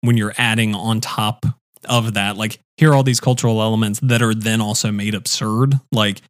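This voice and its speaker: A man's voice: lowish voice, fairly even intonation, moderate pace, no echo, studio quality. A young man co-hosting a casual podcast chat, rambling with lots of fillers and restarts. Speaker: podcast co-host.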